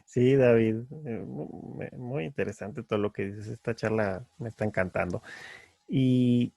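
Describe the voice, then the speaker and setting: A man's voice: mid-range voice, measured pace, creaky, warm tone, dry recording, studio quality. A man hosting a conversation who speaks in a friendly way, with some hesitations and self-corrections. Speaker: podcast host. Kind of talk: casual podcast conversation.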